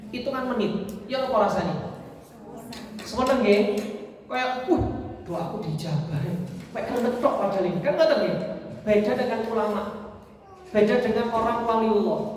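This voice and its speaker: Javanese-accented male mosque teacher, animated storyteller, distant mic in a long-echo hall. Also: very high-pitched. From East Java, Indonesia. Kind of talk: mosque lesson on prayer recitation. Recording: echoey hall from far off.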